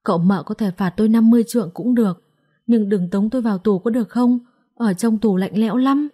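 A woman's voice: fairly high pitch, brisk, dark tone, natural voice. A woman voicing an old servant woman who begs for mercy through sobs in a storybook reading. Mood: pleading. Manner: sobbing pleas.

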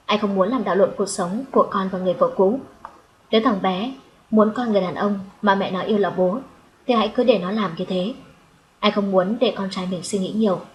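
A woman narrating a story in the first person as an audiobook, in a calm, reflective way. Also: mid-range voice, a little fast, low-quality recording.

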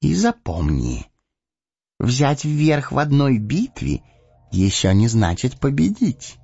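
A man voicing a cunning, persuasive old male wizard who speaks in a slow, coaxing, ingratiating way. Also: medium pitch, huge pitch swings, creaky, darkish tone, slightly rough, dry recording, full character voice. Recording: dull lo-fi audiobook with faint music.

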